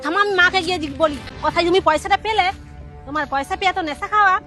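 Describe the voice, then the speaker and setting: A woman playing a feisty, sharp-tongued working wife who scolds indignantly in a comedy skit. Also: extremely high pitch, quick pace. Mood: exasperated. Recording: loud music over dialogue.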